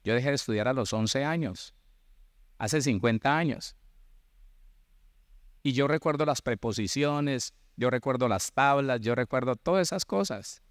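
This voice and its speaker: An older Colombian man in his sixties preaches through personal stories. He repeats phrases and acts out the dialogue with animated energy, at a middle pitch. The sound is dry and close, with no room reverb. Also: clear, resonant tone. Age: 60s. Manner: animated, repetitive storytelling, acting out dialogue. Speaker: pastor. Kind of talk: sermon with personal storytelling.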